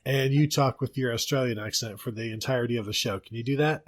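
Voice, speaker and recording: A man's voice: medium pitch, fast. A man with an American accent hosting a casual sports podcast, joking and rambling through asides. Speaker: podcast host.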